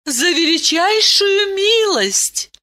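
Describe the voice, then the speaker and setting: A woman putting on a very high stern princess voice, ancient and regal, slow and sing-song, storybook reading. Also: very animated, pushed and bright, full character voice. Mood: regal, tender.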